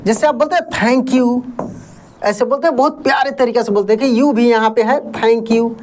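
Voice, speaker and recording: A woman's voice: fairly high pitch, darkish tone. A woman teaching English words, spelling them letter by letter, repeating each meaning and quizzing the listener as she goes. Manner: slow, repeats words and asks the viewer questions; calls viewers friend. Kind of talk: spoken English lesson.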